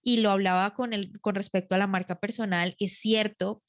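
A woman's voice: medium pitch, fairly even intonation, moderate pace. Chatty woman interview host. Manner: enthusiastic, long winding questions. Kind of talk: conversational interview.

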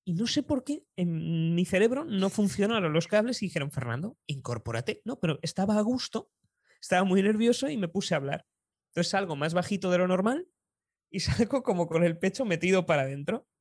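Young man from Spain, Spanish accent, lively anecdotal storyteller, dry recording. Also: high-pitched, fairly quick, no echo. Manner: lively storyteller, chuckles often. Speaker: public speaking coach.

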